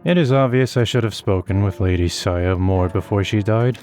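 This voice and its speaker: A man voicing a monotone doll maid. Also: on the low side, normal speed, faint music behind, lightly acted. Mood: formal. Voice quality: monotone, formal and polite. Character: emotionless doll-like female servant spirit.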